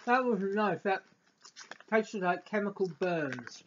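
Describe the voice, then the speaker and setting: A man's voice: sits high, animated, takes it slowly, fairly bright tone. A middle-aged man talks casually and hesitantly through a snack tasting. He muses his way to each opinion. The sound is a dull webcam recording in a living room, with faint noise. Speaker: snack reviewer.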